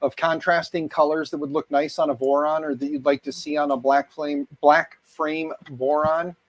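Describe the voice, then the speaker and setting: A man's voice: on the high side, little pitch movement, moderate pace, a little hiss or hum. A man hosting a casual live stream chat, talking in a loose, meandering way. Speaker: host.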